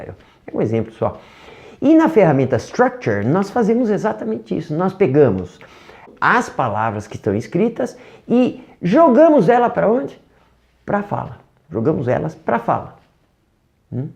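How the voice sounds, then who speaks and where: A man's voice: a little high, vocal fry, mellow, highs cut off. A man teaching an online English course, asking rhetorical questions and answering them himself. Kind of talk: online language lesson.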